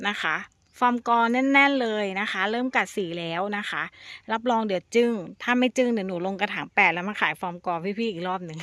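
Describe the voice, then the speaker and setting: Selling plants, this woman coaxes her viewers in a relaxed, chatty way, sweetly addressing them as elder siblings and playfully doubling words for emphasis. Her tone is a bit bright, and there's no echo.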